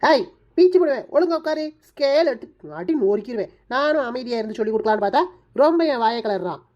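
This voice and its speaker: A woman's voice: a little high, lively intonation, quick pace, darkish tone, dull audio, close to an everyday voice. A woman voicing a bossy young wife who tutors and scolds a small boy in a Kanyakumari Tamil accent, in a cartoon. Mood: scolding. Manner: scolding, threatening, then coaxing. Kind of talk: cartoon voice acting.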